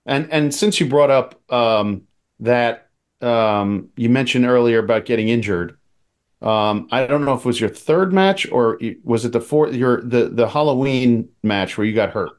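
A man's voice: medium pitch, expressive. Male co-host, medium voice, hesitant questioner, lots of ums. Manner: halting questions with many fillers. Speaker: podcast co-host. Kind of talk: casual interview.

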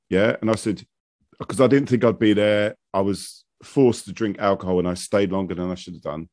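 A man's voice: sits low, darkish tone, no echo, studio quality. A man from England hosting a casual football podcast, bantering and teasing his co-hosts. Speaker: podcast host. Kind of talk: casual chat.

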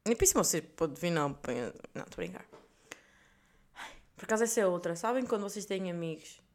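A young woman with a European Portuguese accent talks in a casual podcast monologue, with a somewhat low voice. She jokes and swears freely and bursts out loudly now and then. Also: fast talker. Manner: crude, joking, animated storytelling with sudden loud outbursts. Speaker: podcast host.

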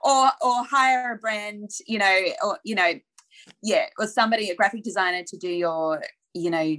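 A woman's voice: medium pitch, moderate pace, a bit bright. A woman brand strategist in casual conversation, earnestly explaining her ideas and firing off rhetorical questions, with plenty of "you know". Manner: earnest, asks rhetorical questions, many fillers. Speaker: brand strategist and mentor, podcast guest.

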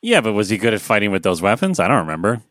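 A man's voice: fairly low pitch, sing-song, rapid-fire, fairly bright tone. A man co-hosting a casual podcast, dry and laid-back, recording on his own computer. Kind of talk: casual chat.

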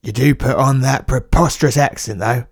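In a dry, close-miked recording that sounds like a small studio booth, a man voices a blunt, cheeky working-class plumber in a comic audio story. Medium-pitched and at a moderate pace, his voice is close to an everyday one as he tosses out matey slang with a grin.

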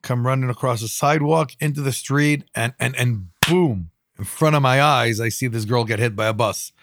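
A man of about fifty from Israel, a podcast co-host, telling personal stories casually and haltingly. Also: mid-range voice, a bit bright. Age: around 50. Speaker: podcast co-host and emergency responder.

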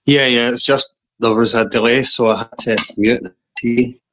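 A man speaks in a broad Scottish accent at a middling pitch. He is a caller on a show, looking back in a casual, conversational way. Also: steady tone, normal speed, fairly bright tone, low-quality recording. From Scotland. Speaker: call-in guest. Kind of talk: casual reminiscing.

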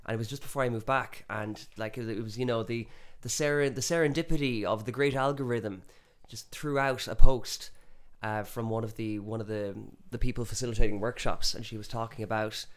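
A man's voice: medium pitch, fairly even intonation, brisk, few pauses. A man with a west of Ireland accent, chatting casually and enthusiastically as an interview guest, telling stories in Irish turns of phrase. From Galway, west of Ireland. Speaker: interview guest, musician and performance poet.

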